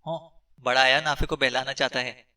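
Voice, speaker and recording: A man's voice: medium pitch, steady tone, normal speed, sharp tone, far from the mic. A man doing a cocky, smug young captive. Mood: taunting. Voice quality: teasing, smug.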